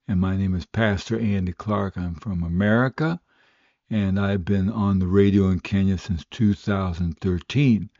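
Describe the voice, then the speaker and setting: Mellow older radio pastor. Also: male voice, fairly low pitch, no echo. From West Africa. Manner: earnest, steady preaching storytelling. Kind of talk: radio sermon with personal testimony. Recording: slightly dull, dry radio recording.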